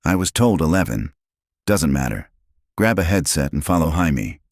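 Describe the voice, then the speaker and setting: Man doing a gruff, dismissive restaurant manager. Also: extremely low pitch, very animated, normal speed, no room sound, studio quality, full character voice. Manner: curt and mocking.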